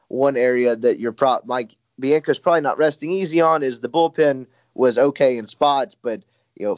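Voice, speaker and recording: A man breaks down a game in casual podcast chat, his middle-pitched voice recorded close and dry. He rambles, stops to correct himself and fills gaps with "uh". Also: no room sound, highs cut off. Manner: rambling, frequent self-corrections and fillers. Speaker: sports podcast co-host.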